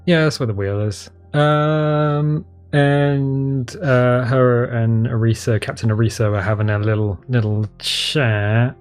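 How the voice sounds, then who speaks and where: A man improvising narration as game master of a tabletop game, halting and hesitant. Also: mid-range voice, steady tone, clear, resonant tone. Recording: music playing behind the voice.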